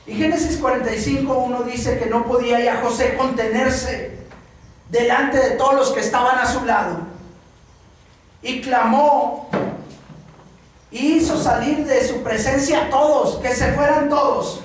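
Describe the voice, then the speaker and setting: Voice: mid-range voice, fairly even intonation, unhurried, a little hiss or hum. A preacher with a Mexican Spanish accent giving a sermon in a church hall, speaking in a repetitive, emphatic cadence. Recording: very echoey hall, mic far off.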